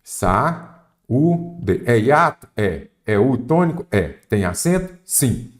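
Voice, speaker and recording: A man speaking with a Brazilian accent teaches a Portuguese grammar lesson for exam prep. He is energetic and keeps asking questions and answering them himself. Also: mid-range voice, measured pace. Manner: energetic, asks and answers his own questions.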